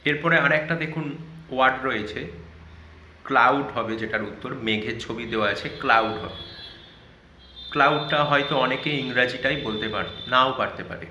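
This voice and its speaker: A man's voice: mid-range voice, normal speed, sharp tone. A man speaking with a Bengali accent, a teacher patiently explaining to parents how to check a child's spelling, spelling words out letter by letter. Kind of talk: online lesson guidance for parents and tutors. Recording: echoey room with faint background noise.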